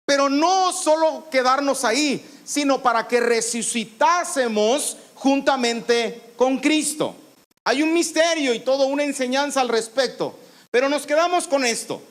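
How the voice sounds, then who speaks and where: A man's voice: very high-pitched, measured pace. A man, a pastor preaching a sermon in church, explaining scripture and repeating phrases for emphasis. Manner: teaching, explains scripture, repeats phrases, calls out commands with authority.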